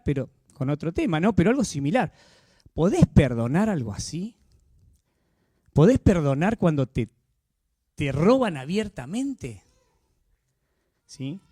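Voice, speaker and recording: A man with a Rioplatense accent preaching a sermon in a conversational way, often checking in with his listeners. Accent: Rioplatense Spanish. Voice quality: animated, swinging pitch. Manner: conversational, asks the audience frequent tag questions.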